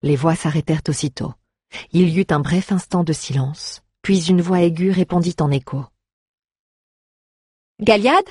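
An audiobook narrator reading a fantasy story in an even, measured way. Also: medium pitch, breathy edge, no echo, clean studio sound. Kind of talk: scripted narration.

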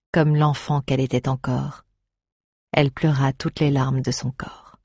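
A narrator reading a story aloud in a measured, gently emotive way. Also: medium pitch, slightly rough, no echo, clean studio sound. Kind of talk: scripted audiobook narration.

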